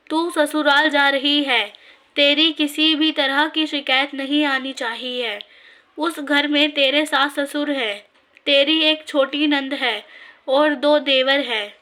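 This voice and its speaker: A woman's voice: high voice, sharp tone, heavily acted. Woman reading as a grieving young mother.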